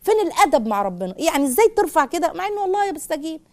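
A woman's voice: sits high, sing-song, rapid-fire. A middle-aged woman with an Egyptian accent, hosting a religious advice show and answering viewers' questions earnestly, rising to passionate emphasis. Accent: Egyptian Arabic.

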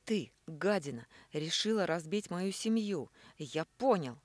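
Storybook role: boozy mocking man, loud and quick to snap, read by a woman, lively pitch. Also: dry recording. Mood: angry. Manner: sneering, loud, quick to anger. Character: brash boozy middle-aged man, mocking, hot-tempered.

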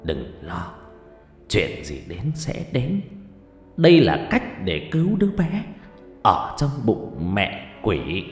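A man doing a slow, weak old sorcerer master. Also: medium pitch, big pitch swings. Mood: weak, resigned. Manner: slow, weak and drawn-out speech. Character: old dying male sorcerer master, gentle and resigned. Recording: roomy reverb with faint music.

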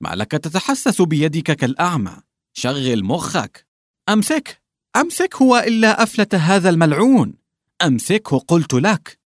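A young hunchbacked peasant shivers with cold as he barks orders and scolds, voiced by a male narrator. His voice is pushed high and jumps about, nagging and impatient. The reading sounds close and dry. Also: lively intonation, normal speed, no echo. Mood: bossy, shivering.

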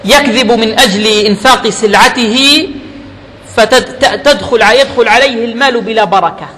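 High-voiced man preaching in a mosque. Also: normal speed, sharp tone. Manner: emphatic, mixes formal oratory with colloquial asides. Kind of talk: Friday sermon. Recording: reverberant mosque hall, faint noise.

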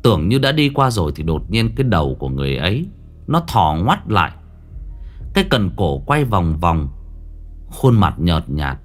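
A man with a low voice narrates a ghost story, drawing out the tense moments with slow, dramatic pacing. His pitch rises and falls in a lively way, and faint music plays underneath.

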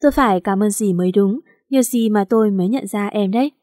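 A woman voicing a remorseful, tender young man in a romance audiobook, speaking softly and apologetically. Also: mid-range voice, quick pace, no room sound, clean studio sound, lightly acted. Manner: soft, apologetic.

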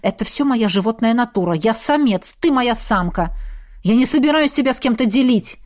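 A woman voicing a jealous, hot-tempered young male shapeshifter in an audiobook, gruff and needling. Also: fairly high pitch, expressive, normal speed, a little mellow, lightly acted. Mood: stubborn. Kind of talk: audiobook character reading.

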